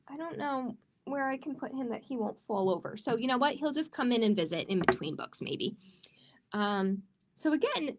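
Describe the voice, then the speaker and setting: Her voice sits a little high. She's a librarian running a livestreamed storytime for children, giving expressive readings and talking with the young audience through questions.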